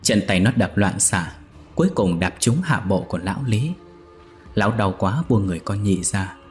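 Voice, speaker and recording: Low-voiced male storyteller reading a ghost story steadily over faint music. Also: lively intonation, moderate pace, darkish tone. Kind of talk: scripted ghost story narration.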